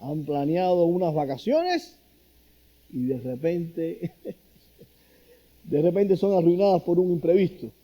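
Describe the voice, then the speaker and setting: Animated high-voiced pastor preaching. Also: male voice, slow, long pauses, highs cut off. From Cuba. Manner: storytelling, animated, acts out quotes in a raised voice. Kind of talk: sermon.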